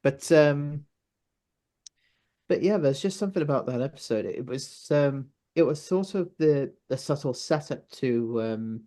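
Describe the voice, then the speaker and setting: Slow, hesitant North Welsh man. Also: mid-range voice, lively intonation, dark tone. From North Wales. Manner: hesitant, many ums and restarts. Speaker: podcast guest. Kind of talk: casual chat.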